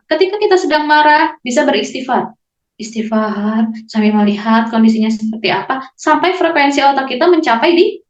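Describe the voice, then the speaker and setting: A young Indonesian woman giving a calm, gently instructive talk on managing emotions, with many relaxed fillers. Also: high voice. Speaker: parenting speaker. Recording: echoey room, slightly dull sound.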